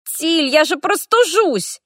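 A woman's voice: a little high, slow pace, no echo, studio quality, voice pushed up. Woman doing a groggy, whiny young elf boy. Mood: whining.

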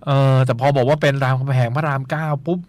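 A man hosting a phone-in ghost story show who talks politely and keeps adding soft tag particles. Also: mid-range voice, fairly even intonation, quick pace. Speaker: host. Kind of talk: radio phone-in talk.

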